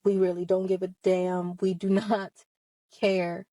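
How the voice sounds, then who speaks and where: A woman's voice: fairly low pitch, flat delivery, measured pace, warm tone, dry recording, studio quality. Emphatic, confrontational woman of thirty. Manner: emphatic, confrontational, rhetorical questions. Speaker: online video host speaking about personal experience. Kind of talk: impassioned personal testimony straight to audience.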